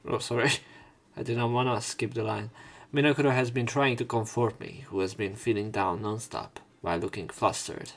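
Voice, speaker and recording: Reading lines and narration for a visual novel let's play, this man speaks at normal speed with a lowish pitch, vocal fry, and fairly even intonation, stumbling now and then. Visual novel music runs in the background.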